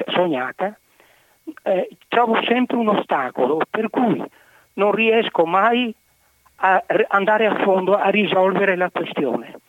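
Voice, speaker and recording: A man's voice: sits high, no room sound. Man calling in over a tinny phone line. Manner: careful and hedging. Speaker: radio show caller. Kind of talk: phoned-in question to a radio guest.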